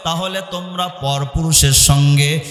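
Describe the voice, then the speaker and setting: Male preacher, slow and bright, half-sung sermon over faint music. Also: a little high, steady tone. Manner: chants and sings passages, shouts rhetorical questions to the crowd. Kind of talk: Islamic sermon with sung verses. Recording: echoey hall with long reverb, faint music.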